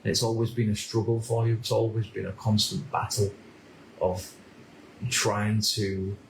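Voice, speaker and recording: A man in his thirties from the United Kingdom, talking through a reflective personal monologue in a halting way, often repeating words and restarting sentences. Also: fairly low pitch, completely flat delivery, vocal fry, roomy sound, noisy background. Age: 30s. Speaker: vlogger.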